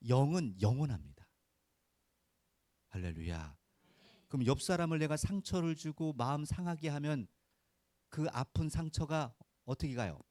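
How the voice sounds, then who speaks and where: Warm-toned and on the high side, this preacher's voice moves with lively intonation at a moderate pace, broken by long pauses, and there's no echo. He gives an informal, folksy Sunday sermon as a pastor, frequently posing quick rhetorical questions and coaxing replies from the crowd.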